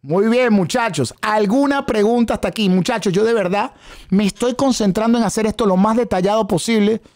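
A trading instructor teaches a live-streamed class from a home setup, wearing headphones with a mic and chatting with viewers in a lively, animated way while thanking them for super chats. His voice sits high and goes a little fast, and the recording is dry with clean studio sound.

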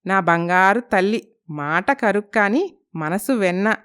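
A woman voicing a sharp-tongued, playful old grandmother in a storybook, scolding and teasing. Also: mid-range voice, slow, smooth. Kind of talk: storybook narration.

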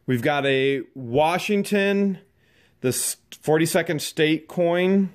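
An excited, chatty man hosting a casual unboxing vlog in a dusty garage, talking to the camera as he goes through boxes. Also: a little high, slow pace. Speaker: host.

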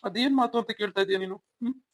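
A performer plays a young husband in a home-made audio drama, devoted but quick to flare up. He coaxes and asks over and over, then snaps. Dry, close sound with no room. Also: mid-range voice, no room sound, lightly acted. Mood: pleading. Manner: coaxing, repeats questioning "hmm?". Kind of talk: amateur Kannada audio drama.

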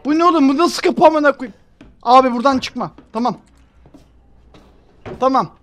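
A young man streaming gameplay, swinging between loud, profane outbursts and low mutters, and talking to his chat. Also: moderate pace. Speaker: gaming streamer. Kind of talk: live gameplay commentary.

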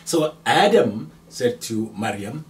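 An older man with a Nigerian accent teaching a language lesson, repeating phrases slowly and with emphasis, filmed indoors by a whiteboard. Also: medium pitch, animated, a little mellow, far from the mic. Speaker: Arabic teacher. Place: small indoor room by a whiteboard.

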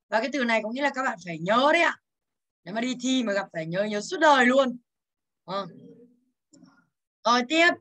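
A woman's voice: fairly high pitch, a bit bright, low-quality recording. A young woman teaching English, going through exam answers and teasing her students as she asks them for each answer. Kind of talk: exam answer walkthrough lesson.

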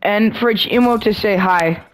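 A woman hosting a casual gaming chat, excitable and chatty, talking in slangy gamer lingo. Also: medium pitch, measured pace, low-quality recording. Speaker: gaming channel host.

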